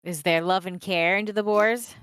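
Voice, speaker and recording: A woman's voice: medium pitch, fairly even intonation, normal speed, fairly bright tone, clear, resonant tone, no room sound. A woman chatting casually as a player in a tabletop game.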